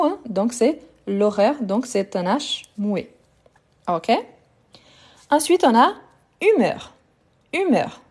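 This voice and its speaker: A woman's voice: mid-range voice, darkish tone. A woman teaching a live online French lesson, patiently repeating each word to drill pronunciation and speaking directly to her viewers.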